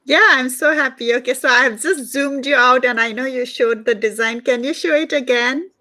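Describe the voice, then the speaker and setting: A woman's voice: high voice, steady tone, moderate pace, sharp tone, no echo. A middle-aged woman hosting an online interview show, speaking with a smile into a headset on a video call. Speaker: show host. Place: small room indoors.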